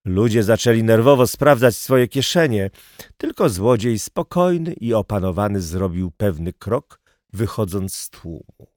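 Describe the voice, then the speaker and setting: Slow, measured male narrator. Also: on the low side, lively intonation, a little mellow, no echo, studio quality. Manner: measured storytelling. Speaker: audiobook narrator. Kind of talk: scripted narration.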